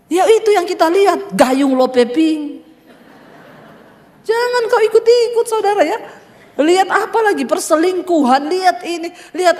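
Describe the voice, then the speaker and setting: High-voiced woman pastor in a reverberant hall. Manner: animated storytelling, acts out quoted voices, jokes with the congregation. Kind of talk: sermon with storytelling.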